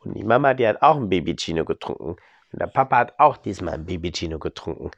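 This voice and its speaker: A man telling a made-up bedtime story to a child in an animated storytelling manner. His intonation swings widely, and the recording is close and dry with no room sound. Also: low-pitched, quick pace, creaky, no echo, lo-fi sound.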